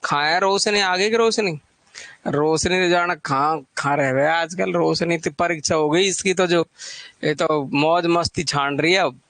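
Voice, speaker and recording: Man, Hindi literature teacher, high voice, chatty and teasing, drills lists aloud, dry close sound. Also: measured pace, fairly bright tone, no echo. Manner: chatty, teases students by name between repeated lists. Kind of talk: live online exam-prep class.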